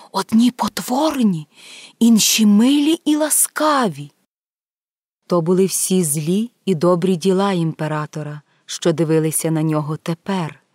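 A woman reads a fairy tale aloud at a slow, careful pace, her voice hushed and often slipping into a whisper. The recording is close and dry, with no room sound. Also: mid-range voice, slightly rough, no room sound. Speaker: storyteller.

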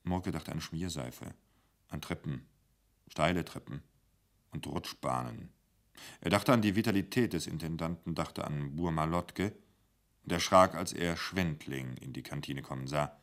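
A man reading a short story for radio in a measured, dry manner. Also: very deep voice, a bit bright. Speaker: narrator.

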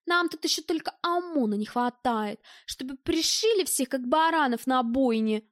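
A woman's voice: high-pitched, expressive, moderate pace, no echo, studio quality, voice pushed up. A woman putting on a biting, scornful dame. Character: sharp-tongued, sardonic woman, caustic and menacing. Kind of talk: audiobook reading.

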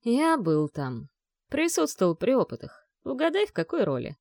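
A woman's voice: on the high side, huge pitch swings, normal speed, a little mellow, dry recording, voice pushed up. A woman reading the part of a sardonic young man with a dry, sarcastic delivery in a storybook reading.

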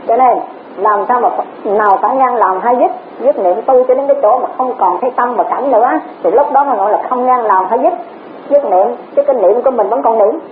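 A woman's voice: on the high side, a little fast. A woman giving a Buddhist Dharma talk, repeating words and asking rhetorical questions. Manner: repetitive, rhetorical questions, chuckles often. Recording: tinny lo-fi recording with faint hiss.

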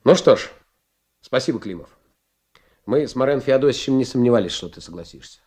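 Voicing a benevolent senior naval officer of middle age in a radio drama, this actor sounds warm and approving. His natural, mid-range voice has a darkish tone and lively intonation, delivered measuredly and persuasively with purposeful pauses.

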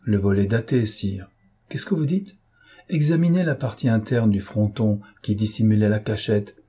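A man voicing a proud, defiant gentleman thief in an audiobook, mocking and self-assured. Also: on the low side, moderate pace, slightly rough. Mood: forceful. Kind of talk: audiobook character reading.

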